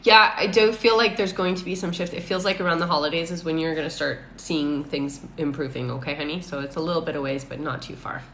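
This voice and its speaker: A woman gives psychic readings live. She calls her listeners honey and laughs a lot, and her lowish voice has a bright edge. The room is echoey, with a faint hiss underneath. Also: fairly even intonation, fast, hardly any pauses. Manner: warm, calls people honey, laughs often. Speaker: psychic medium.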